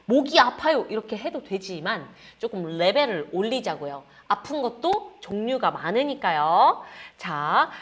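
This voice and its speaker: A woman teaching a lively Korean lesson, acting out sensations with sound words and calling her students friends. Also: on the high side. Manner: animated, acts out feelings with sound words and gestures; addresses students as friends, frequent "자".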